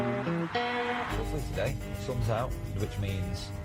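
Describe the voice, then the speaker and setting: A man's voice: mid-range voice, wildly swooping pitch, slow. A man, a traffic officer talking casually and matter-of-factly on the job. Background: music and vehicle sound.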